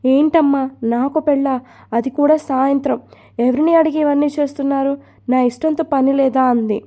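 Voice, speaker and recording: A woman's voice: high-pitched, steady tone, moderate pace, lo-fi sound, lightly acted. Woman voicing an upset protesting young bride. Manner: protesting, pleading.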